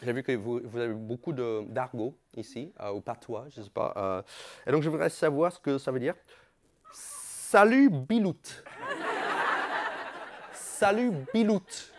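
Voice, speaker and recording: A man's voice: medium pitch, fairly quick, heavy background noise. A man, doing playful stand-up crowd work on a comedy club stage, teasing and mock-outraged. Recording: live club audience audible.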